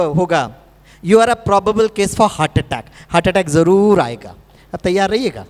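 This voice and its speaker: A man with a notably high voice gives a seminar talk, acting out little stories and repeating his main points. His voice rings with a long reverb, as in a large lecture hall. He is middle-aged and from India. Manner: storytelling, acts out dialogues, repeats key phrases. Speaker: motivational speaker on heart health and meditation. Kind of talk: live seminar talk mixing Hindi and English.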